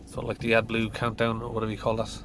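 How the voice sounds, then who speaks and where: This middle-aged mechanic talks fast, with a fairly low pitch and completely flat delivery, his voice congested from hay fever. He thinks aloud in a van, plainly and with fillers, in a casual diagnostic walkthrough. There's background noise.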